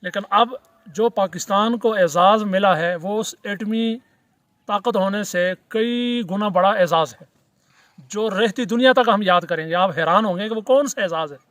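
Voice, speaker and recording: A man's voice: sits high, normal speed, fairly bright tone, dry recording. A middle-aged man, a cleric and mufti speaking, gives a sarcastic, formally polite religious commentary in a video. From Pakistan.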